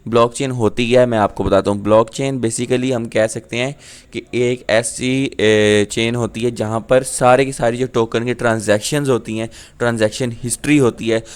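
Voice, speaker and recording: Man with a smooth, clear voice, explaining. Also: mid-range voice, steady tone, moderate pace. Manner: casual, explanatory, repeats "ठीक है". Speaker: crypto YouTuber. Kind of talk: screen-share explainer.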